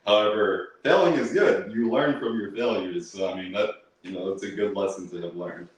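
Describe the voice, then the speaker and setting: A man's voice: on the low side, moderate pace, heavy reverb, distant mic, low-quality recording. A young man, a podcast guest, talking in a laid-back, agreeable way. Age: young adult. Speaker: podcast guest, door knocker. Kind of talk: casual interview chat.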